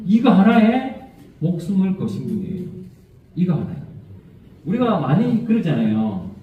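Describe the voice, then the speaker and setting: A fairly high-voiced male priest gives his homily in a lively, conversational way, acting out little quotes and laughing as he goes. He sounds far from the mic in a very echoey church. The sound is thin and phone-like, with faint noise underneath. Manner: conversational, animated storytelling with laughs and acted quotes. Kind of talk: homily at Mass.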